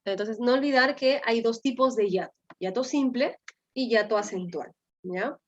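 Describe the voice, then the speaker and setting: A woman's voice: on the high side, moderate pace. Peruvian woman teaching a class online. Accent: Peruvian Spanish. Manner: explanatory, often adds "¿no?" as a check. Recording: slightly dull lo-fi audio.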